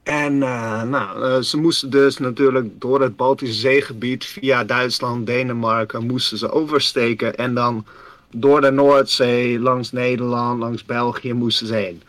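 A man spins a history tale for his podcast co-host in a bright, forceful voice. He rambles through lots of fillers and keeps calling his listener by name. The sound is close and dry, with no room around it. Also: medium pitch, little pitch movement, unhurried, no room sound. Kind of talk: casual storytelling chat.

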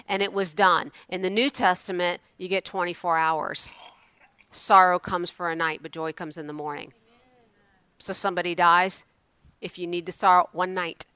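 Female preacher, sermon delivery. Bright, smooth and resonant, emphatic, exhorting, with rhetorical questions and weighted key phrases. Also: medium pitch, no room sound. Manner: asks pointed rhetorical questions. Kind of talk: sermon to a congregation.

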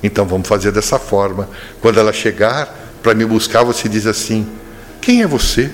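A man's voice: fairly low pitch, moderate pace, faint music behind, lightly acted. A man doing a scheming young husband. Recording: echoey hall reverb.

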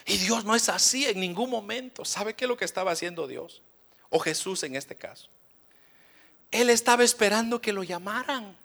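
A male preacher delivers an energetic sermon in a very high, gravelly voice, with lively swings in pitch. His tone is bright and forceful, and he keeps calling out to his listeners as brothers. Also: normal speed. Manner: addresses listeners as brothers, dramatic and animated.

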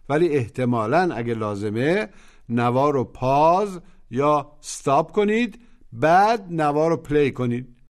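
Man, teacher on a lesson tape, somewhat high voice, coaching and didactic. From Iran. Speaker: language teacher. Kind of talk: taped language lesson instructions.

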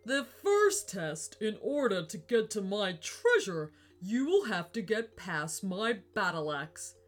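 Lady doing a big booming ghost viking guy, slow and grand, swings all over, faint music behind. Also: sing-song. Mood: commanding. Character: tall booming ghostly Viking warrior man. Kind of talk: storybook reading.

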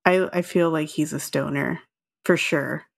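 A woman's voice: low-pitched, steady tone, measured pace, vocal fry. A woman in her thirties, co-hosting a casual chat, laughing often and talking with many fillers. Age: 30s. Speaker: podcast co-host.

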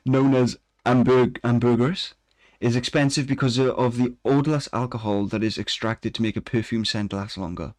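A man's voice: medium pitch, fairly even intonation, normal speed, hardly any pauses, a little mellow, no room sound. A man co-hosting a casual podcast, reading odd news stories aloud with dry asides and frequent laughter. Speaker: podcast co-host.

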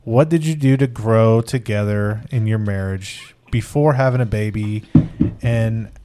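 A man hosting a casual podcast conversation, relaxed and rambling, with many "like"s. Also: lowish voice, measured pace. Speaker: podcast host.

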